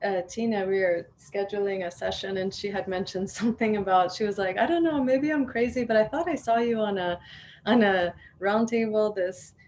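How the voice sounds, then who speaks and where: A woman leading a casual video-call chat who laughs often and talks in a relaxed way with restarts. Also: mid-range voice, normal speed, poor audio. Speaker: divination facilitator and translator.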